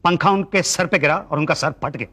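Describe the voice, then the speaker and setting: A man playing a polite deadpan teacher. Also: fairly high pitch, a little fast, noisy background, lightly acted. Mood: earnest. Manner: politely deadpan, explains patiently. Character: polite, long-suffering middle-aged male teacher. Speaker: history teacher seeking his degree. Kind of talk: sitcom acting.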